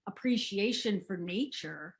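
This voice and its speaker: A middle-aged woman, a parenting expert being interviewed, speaks in a gentle, soothing and unhurried way. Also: medium pitch, expressive, creaky. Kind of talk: interview conversation.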